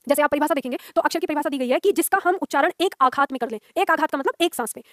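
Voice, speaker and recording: Woman, grammar teacher, classroom lecture, quick talker, dry close sound. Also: high voice, no echo. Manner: explains step by step, asks students checking questions.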